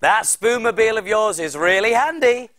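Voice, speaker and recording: Lively, swooping children's cook. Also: male voice, sits high, moderate pace. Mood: enthusiastic. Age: 30s. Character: friendly, enthusiastic big male cook in a children's show. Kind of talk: children's TV presenting. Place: TV studio kitchen set.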